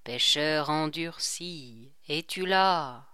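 A hollow, hissing voice posing as God, solemn and accusing, as a woman narrator puts it on. It speaks slowly and clearly, with no room around it. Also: medium pitch, a bit bright, dry recording, clean studio sound.

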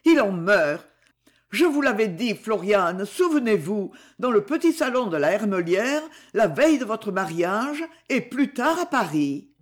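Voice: mid-range voice, big pitch swings, unhurried. A reader voicing a grieving older mother in an audiobook, speaking in a choked, reproachful voice. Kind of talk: audiobook character reading.

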